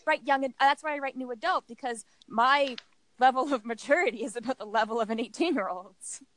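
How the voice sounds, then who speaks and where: A woman's voice: sits high, fairly quick, dry recording. A woman in her thirties, a writer co-hosting a podcast, joking about herself in casual chat. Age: 30s.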